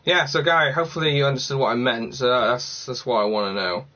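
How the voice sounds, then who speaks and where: A man's voice: mid-range voice, steady tone, fast, sharp tone. Chatty man from Cardiff on a livestream. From Cardiff, Wales. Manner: chatty and rambling, thinks aloud. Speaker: livestream host. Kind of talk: casual livestream chat answering viewer comments. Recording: slightly dull lo-fi sound.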